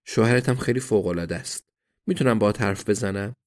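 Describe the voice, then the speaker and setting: A man voicing a gentle, earnest man in an audiobook reading. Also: fairly low pitch, no room sound, clean studio sound, lightly acted.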